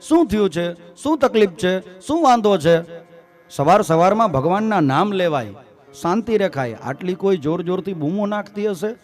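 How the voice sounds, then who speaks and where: A man's voice: high-pitched, animated, moderate pace. A man voicing an irritated mother who scolds a noisy neighbour dismissively. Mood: exasperated.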